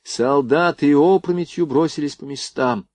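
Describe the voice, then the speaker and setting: A man narrating a novel as an audiobook in a lively, expressive reading. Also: on the high side, normal speed, no room sound.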